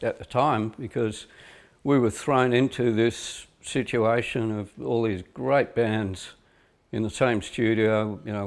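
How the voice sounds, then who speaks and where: A man's voice: mid-range voice, a little mellow. An older man, a band member, telling wry stories in an interview. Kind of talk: reminiscing interview.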